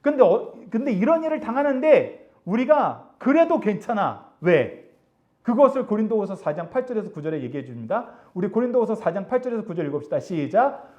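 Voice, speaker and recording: A middle-aged man preaching to a youth group, his high voice leaping up and down as he teases and coaxes his listeners. The sound is dull and lo-fi, like an old church recording. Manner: animated, acts out classmates' taunts, drops soft and low for God's comfort. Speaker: youth pastor. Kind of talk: sermon to teenagers. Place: church service hall.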